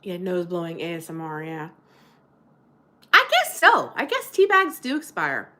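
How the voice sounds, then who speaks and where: A New Jersey woman with a Jersey accent hosts a livestream from her apartment desk, her nose running from a cold. She chats casually and rambles, reacting to viewer comments with sudden high exclamations, her unhurried voice sharp in tone with wildly swooping pitch.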